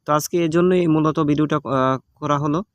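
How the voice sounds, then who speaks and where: A man's voice: on the high side, fairly even intonation, moderate pace, no echo. A man with a Bangladeshi Bengali accent giving a casual step-by-step app tutorial, patient and repetitive, with many fillers. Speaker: tutorial host. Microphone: phone recording.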